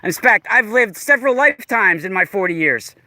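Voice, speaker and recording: A man in his forties films himself outdoors in a park. He talks back to people sarcastically and repeats his points. His voice sits high, with a sharp, bright edge. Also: expressive, brisk, dry recording. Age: 40s. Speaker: vlogger. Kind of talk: casual vlog, arguing with a stranger. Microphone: camera mic while filming.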